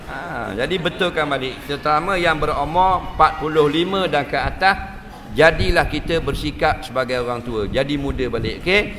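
A man's voice: fairly high pitch, normal speed, pushed and bright. A man giving a humorous religious lecture in a mosque, often checking whether listeners understand. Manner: jokey, keeps asking the crowd if they understand. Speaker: Islamic religious teacher. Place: large mosque hall. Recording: reverberant mosque hall, faint noise.

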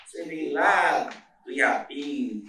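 A man's voice: on the high side, expressive, takes it slowly, pushed and bright, a little hiss or hum. A man with a Brazilian Portuguese accent, a business owner telling his story in a casual interview, earnest and rambling with many restarts. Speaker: guest, restaurant and bakery owner. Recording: echoey room, mic at a distance.

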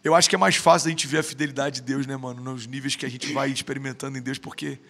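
A man's voice: mid-range voice, steady tone, fast, fairly bright tone, husky. A man in his thirties with a Brazilian Portuguese accent, a podcast guest telling stories in a slangy, emphatic casual chat. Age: 30s. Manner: slangy, emphatic, keeps saying "mano".

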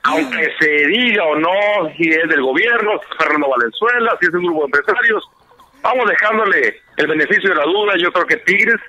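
Bright, husky columnist. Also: male voice, high-pitched, expressive, highs cut off. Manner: measured, corrects himself carefully. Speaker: baseball columnist and panelist. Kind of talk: sports debate.

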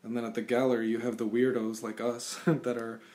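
Man born in Cuba, thirties, reflective guest, halting speech with restarts, webcam call from a home room. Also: medium pitch, little pitch movement, a little mellow. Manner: thoughtful, halting, many restarts and fillers. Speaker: guest musician. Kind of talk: reflective interview answers. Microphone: webcam on video call.

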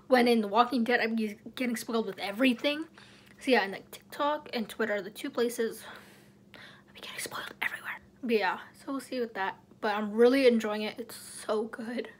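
A woman's voice: a little high, a little hiss or hum. A young woman chatting casually to the camera in a vlog, rambling and now and then dropping to a whisper. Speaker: vlogger.

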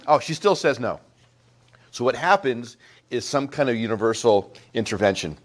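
A middle-aged man with a voice of ordinary pitch speaks to a small group of parents. He tells a story in an animated, anecdotal way and keeps checking in with the room through quick asides. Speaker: school presenter speaking to parents. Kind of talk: storytelling talk to a small audience.

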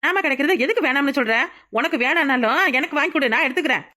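A woman's voice: high voice, animated, rapid-fire, sharp tone. A woman voicing a pushy young village neighbor in a cartoon, nagging and urging, with a Tirunelveli Tamil accent. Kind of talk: cartoon voice acting.

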